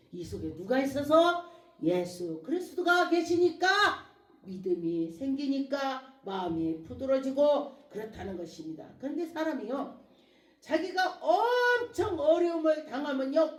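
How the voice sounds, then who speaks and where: A woman pastor preaching a sermon with lots of emotion, acting out prayers and dropping from loud cries to hushed asides. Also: fairly high pitch. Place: church. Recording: echoey church hall, mic at a distance.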